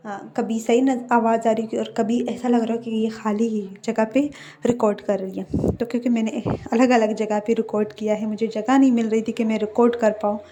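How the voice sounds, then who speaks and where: A woman's voice: on the high side, little pitch movement, normal speed, warm tone. A woman narrating a fan fiction story in a casual way, retelling the characters' dialogue and playing their lines lightly. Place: several different rooms at home.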